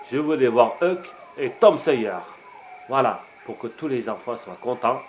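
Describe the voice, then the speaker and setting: A man's voice: mid-range voice, a little hiss or hum. Male storyteller, chatty and repetitive, improvised children's bedtime tale, mid-range voice.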